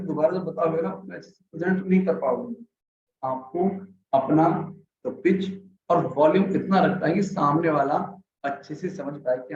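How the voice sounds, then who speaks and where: A man's voice: a little high, echoey room, lo-fi sound, slight background noise. A man giving a casual lesson on communication skills, asking his listeners "right?" often and acting out his examples. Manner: chatty, asks the audience "right?" often; acts out examples by speeding up, slowing down and getting louder.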